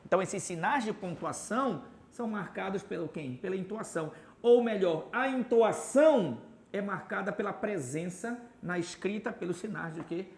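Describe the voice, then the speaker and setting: Speaking at normal speed in a high, expressive voice, a man with a Belém accent (Paraense, from Belém, Pará, Brazil) teaches Portuguese grammar. He writes examples on a board, keeps asking rhetorical questions and ends lines with "tá?".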